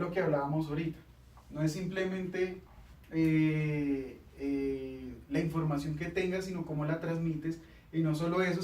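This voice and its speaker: A man's voice: a little high, darkish tone, roomy sound, recorded from a distance, low-quality recording. A man hosting a casual studio chat, explaining communication tips and acting out little quoted exchanges.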